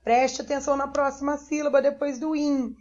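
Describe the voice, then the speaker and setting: A woman's voice: high voice, flat delivery, moderate pace, darkish tone. A Brazilian woman teacher giving a primary school lesson, patiently spelling out sounds and syllables one by one. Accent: Brazilian Portuguese. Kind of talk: remote classroom lesson. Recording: dull lo-fi recording.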